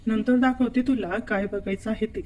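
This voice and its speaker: A woman's voice: a little high, fairly even intonation, normal speed, darkish tone, lo-fi sound, lightly acted. A woman voicing a playful, teasing middle-aged aunt in a told story.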